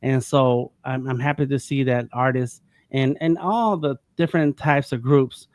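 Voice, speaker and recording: Halting, rambling middle-aged man. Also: mid-range voice, no room sound, clean studio sound. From United States. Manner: rambling, halting, many restarts. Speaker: panel guest. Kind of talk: casual panel talk.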